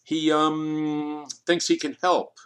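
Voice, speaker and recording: A man's voice: a little high, monotone, slow, a bit bright, voice pushed up. A man voicing an eager, slightly hesitant male team member in an audiobook.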